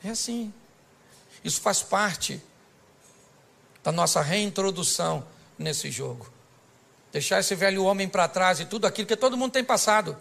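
A man's voice: high voice, animated, moderate pace, vocal fry, pauses often, fairly bright tone. A man preaching an extroverted, joking sermon to a church congregation. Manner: extroverted, joking, acts out voices. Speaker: pastor. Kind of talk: humorous sermon.

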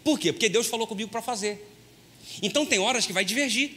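A man preaching a lively, joking sermon as pastor, folksy and constantly addressing his listeners as brother. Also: high voice, quick pace, a little hiss or hum. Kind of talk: lively sermon with humorous stories. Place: church hall. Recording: long hall reverb.

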